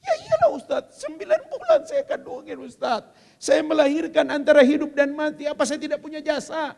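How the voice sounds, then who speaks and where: A man voicing an exasperated middle-aged mother who protests indignantly in a shrill voice. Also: expressive, fairly quick, creaky, a little mellow, full character voice. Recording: long hall reverb.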